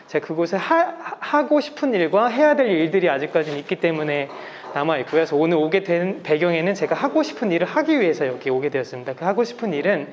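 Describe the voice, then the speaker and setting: A man in his thirties from South Korea gives a polite, explanatory public lecture, slightly muffled through a face mask. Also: sits high. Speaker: guest lecturer. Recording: masked live talk with background noise.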